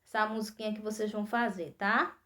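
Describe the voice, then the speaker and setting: A woman's voice: mid-range voice, steady tone, brisk, sharp tone. A Brazilian woman teaching an arts class to young children, patiently explaining steps and often checking in with the kids. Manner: patient, repeats instructions, frequent "tá?" checks. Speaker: primary school arts teacher.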